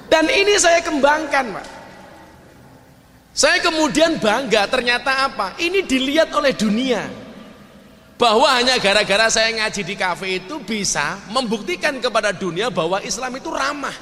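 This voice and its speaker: High, bright Javanese-accented preacher in a hall. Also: male voice, normal speed. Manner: lively storyteller acting out dialogue in quoted voices. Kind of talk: humorous preaching with anecdotes. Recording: long hall reverb, faint background noise.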